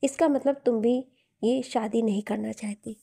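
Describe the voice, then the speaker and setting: A woman's voice: on the high side, steady tone, moderate pace, vocal fry, warm tone, breathy edge. Woman reading a teasing young man. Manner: playful, teasing.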